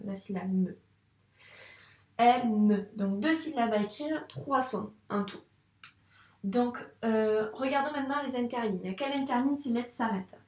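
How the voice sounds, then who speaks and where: Woman teacher, patient, spells words out slowly, fairly high voice, echoey room. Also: a little mellow, recorded from a distance. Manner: slow, patient, syllable-by-syllable dictation. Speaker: primary school teacher. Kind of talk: handwriting lesson for children.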